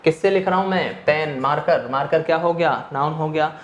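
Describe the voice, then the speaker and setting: A man's voice: a little high, brisk, dull audio. A male English teacher lecturing an online class, asking questions and answering them himself, mixing English phrases into his explanation. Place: teaching room with a board. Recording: echoey room.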